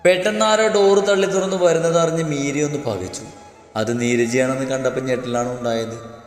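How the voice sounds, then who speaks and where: A man narrating a dramatic story in a steady, measured reading. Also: medium pitch. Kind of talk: scripted narration. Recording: roomy long reverb, faint music.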